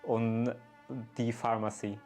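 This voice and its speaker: A man chatting casually and unscripted, halting and often searching for his words. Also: medium pitch, monotone, a little mellow, faint music behind. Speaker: streamer doing workshop restoration.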